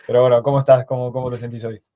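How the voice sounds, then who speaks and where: A man's voice: medium pitch, flat delivery, fast, warm tone. A man with an Argentine accent hosting a podcast interview, asking questions hesitantly with many restarts. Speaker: podcast host.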